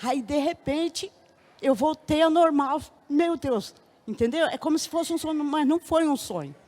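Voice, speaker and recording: A woman with a high voice gives a testimony in church. She tells her story vividly and keeps repeating words. Her emphasis builds as she goes on. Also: moderate pace, a little mellow. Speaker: church member giving testimony.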